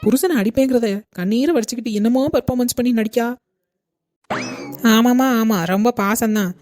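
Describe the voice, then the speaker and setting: A woman voicing an exasperated, sharp-tongued cartoon housewife, sarcastic and scolding. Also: on the high side, moderate pace, faint music behind, close to an everyday voice. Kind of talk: cartoon comedy voice acting.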